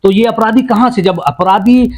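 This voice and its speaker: A man's voice: sits high, normal speed, a little mellow. A male reporter in a field news interview, asking leading questions and restating the answers back.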